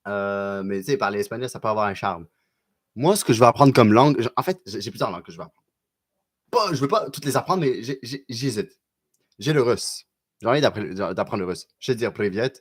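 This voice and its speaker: A man with a Québécois accent chatting casually on a live stream and answering viewers, loose and slangy with lots of quick restarts. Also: lowish voice, lively intonation. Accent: Québécois French.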